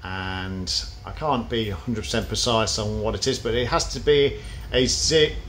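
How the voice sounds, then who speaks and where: A man's voice: on the low side, moderate pace, a bit bright. Man casually explaining, noisy background. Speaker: bus enthusiast presenting a video. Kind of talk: casual explanatory vlog commentary. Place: inside a parked bus at a bus station. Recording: noisy vehicle ambience.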